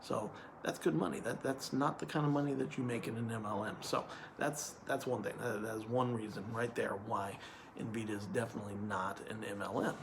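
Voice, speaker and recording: Male hiring manager, gravelly tone, earnest, repetitive explainer; noisy background. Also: lowish voice, steady tone, brisk. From California. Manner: earnest, repeats points with "okay?". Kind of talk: explainer video monologue.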